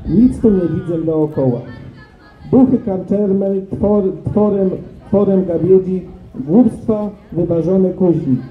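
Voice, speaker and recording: A man's voice: sits high, slow, reverberant, phone-quality sound. A man reciting the lines of a stern old male sage who scolds a crowd, scornful and declamatory. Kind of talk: poetry recitation.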